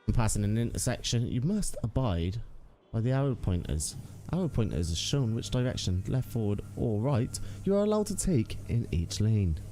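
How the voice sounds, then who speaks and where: A young man chatting through a game, joking and talking to his viewers in a relaxed way. His voice sits a little low with a dark, mellow tone, and a faint hiss runs under it. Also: moderate pace, few pauses. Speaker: gaming streamer. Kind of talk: casual game commentary.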